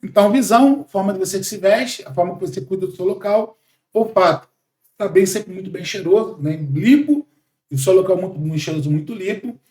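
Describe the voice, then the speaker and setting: Brazilian guy in his 40s explaining sales stuff, animated and emphatic, echoey room. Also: high voice, a little fast. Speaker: sales trainer guest. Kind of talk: podcast conversation.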